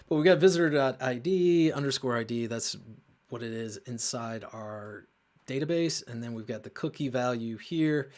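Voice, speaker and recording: On his coding show, a medium-pitched male host works through code in a casual walkthrough, frequently muttering to himself. His thinking-aloud narration comes out in a halting way.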